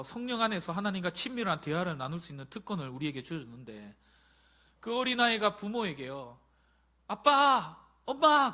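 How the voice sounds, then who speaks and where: A pastor in his forties preaches a Sunday sermon. His voice is bright and forceful and sits a little high. He talks with animated emphasis and keeps throwing rhetorical questions at the congregation. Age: 40s.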